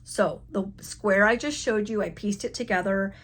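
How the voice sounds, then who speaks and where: Casting note: middle-aged woman crafting vlogger, animated, laughs at herself, mid-pitched voice, casual home setting. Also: normal speed. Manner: animated, self-mocking, laughs often. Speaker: crafting channel host. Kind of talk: casual chatty vlog.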